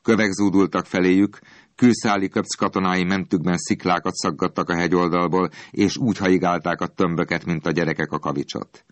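A man reading a storybook aloud in an expressive, dramatic storytelling manner. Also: low voice, dry recording. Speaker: narrator.

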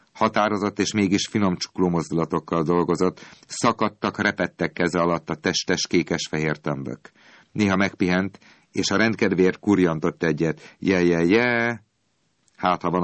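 A man calmly reading literary prose as an audiobook narrator, in a measured storytelling manner. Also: sits low, no room sound.

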